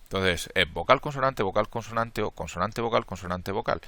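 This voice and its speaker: Speaking fairly quickly in a lowish, bright, forceful voice with no echo, a math lecturer with a Spain Spanish accent goes step by step through a combinatorics problem. He thinks aloud, counts the steps out loud, and corrects his slips as he goes.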